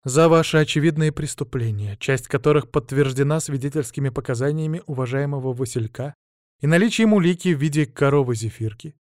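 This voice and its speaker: A man's voice: a little high, brisk, darkish tone, no echo, clean studio sound, close to an everyday voice. A man voicing a proud, stern woman who is a battle priestess, lecturing righteously in an audiobook. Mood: solemn.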